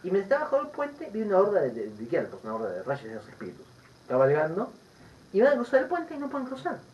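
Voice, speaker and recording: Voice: medium pitch, fast. A Buddhist teacher with a Rioplatense Spanish accent, giving a Dharma teaching full of stories and asides. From Argentina. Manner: lively storytelling with asides and laughter. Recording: distant dull recording with faint background noise.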